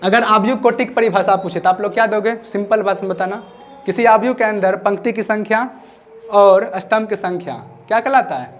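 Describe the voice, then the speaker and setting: A man's voice: high voice, fairly even intonation, a little fast, a little hiss or hum. A man teaching a maths class, repeating his questions so students answer back. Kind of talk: classroom lecture.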